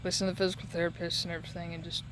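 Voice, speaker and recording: High-voiced man, halting, post-surgery sore throat. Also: completely flat delivery, fairly bright tone, slight background noise. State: sore throat, recovering a day after surgery. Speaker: patient giving a recovery update. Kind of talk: casual solo vlog.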